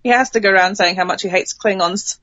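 A woman co-hosting a podcast, musing in a relaxed, sympathetic way in a casual chat. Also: medium pitch, fast talker. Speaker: podcast co-host. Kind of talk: casual discussion of an episode. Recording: slightly muffled dry recording.

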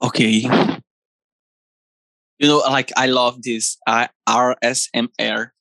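A co-host in a casual chat who speaks broken English, halting and searching for words, on an earphone mic. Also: mid-range voice, level tone, creaky, sharp tone, no echo. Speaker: podcast co-host. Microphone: earphone microphone.

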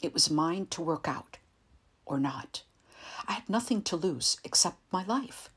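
A woman reading an audiobook in a calm, measured way, sometimes dropping to a soft whisper. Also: lowish voice, husky. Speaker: narrator. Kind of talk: audiobook narration.

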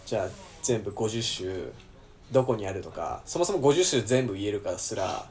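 A man's voice: on the low side, lively intonation, normal speed, darkish tone. A man from the United States with a Kansai accent, a podcast guest in casual chat explaining things plainly.

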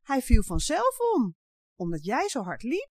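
A woman's voice: fairly high pitch, wildly swooping pitch, a little slow, darkish tone, no room sound, clean studio sound, pitched above the performer's own voice, full character voice. A woman doing Janneke, a careful little storybook girl. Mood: protesting. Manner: careful, protesting.

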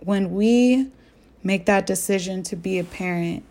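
A woman's voice: medium pitch, unhurried, a little mellow. A young woman from the American Southwest hosting a faith-based podcast, telling a story earnestly and asking her listeners direct questions. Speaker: podcast host. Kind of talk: faith-based reflective talk.

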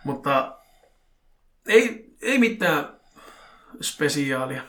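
A man co-hosting a podcast, reading listener emails and chatting with dry, teasing humor. His voice sits somewhat high for a man. The recording carries a noticeable roomy echo. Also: very animated, a bit bright. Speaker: podcast co-host.

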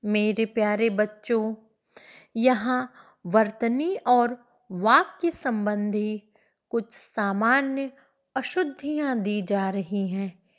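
Very slow-speaking woman teacher. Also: mid-range voice. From India. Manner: slow, deliberate, addressing children fondly. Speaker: Hindi teacher. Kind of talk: classroom lesson podcast for young pupils.

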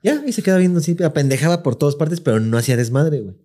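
A man with a Mexican accent, chatting casually as a podcast co-host, telling an animated story full of slang and acted-out quotes. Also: a little high, very fast. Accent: Mexican Spanish. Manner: animated, acts out quotes in raised voice, heavy slang.

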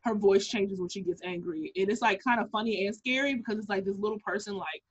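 A young woman co-hosting a podcast in casual chat, animated and laughing, often jumping into high-pitched impressions. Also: quick pace, breathy edge. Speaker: podcast co-host. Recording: muffled lo-fi audio.

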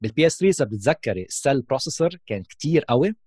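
Man, Levantine Arabic accent, casual explainer, English tech words mixed in, expressive pitch, dry close sound. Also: racing, breathy edge, no room sound. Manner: mixes English terms into Arabic. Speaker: host of a gaming discussion.

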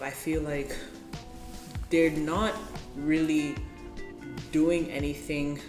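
A vlogger from Ethiopia giving candid, opinionated advice, with joking asides. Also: medium pitch. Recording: roomy sound with background music.

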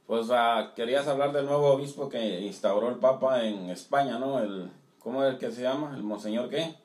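A man's voice: medium pitch, moderate pace, darkish tone, reverberant, far from the mic. A man co-hosting a casual morning show, joking and teasing his partner. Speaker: radio co-host.

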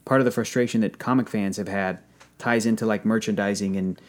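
A man with a fairly low voice talks a little fast as a podcast guest, a toy collector in a casual, enthusiastic conversation. He tells stories in an animated way, acting out little quotes as he goes.

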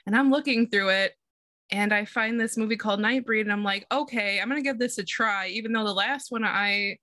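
A woman's voice: mid-range voice, brisk, sharp tone, no echo. A young woman with a lisp co-hosting a casual horror podcast, telling stories playfully. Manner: playful storytelling. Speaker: podcast co-host.

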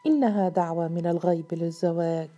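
A woman reading the part of an elderly, pious mother who answers plainly and calmly in a storybook tale. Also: fairly low pitch, fairly quick, natural voice. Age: older. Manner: plain, matter-of-fact. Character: old widowed mother, calm and pious.

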